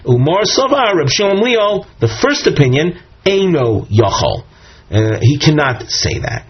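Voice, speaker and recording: A man's voice: a little high, sing-song, a little slow, slightly rough. A man teaching a Talmud lesson, explaining step by step and quoting Aramaic and Hebrew phrases. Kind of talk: text study lesson. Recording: dull lo-fi audio recording.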